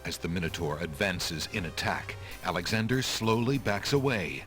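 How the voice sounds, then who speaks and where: A man narrating a fantasy adventure game as a solemn storyteller, in a measured, dramatic way. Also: low-pitched, fairly bright tone. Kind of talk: scripted video game narration. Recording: game audio under music.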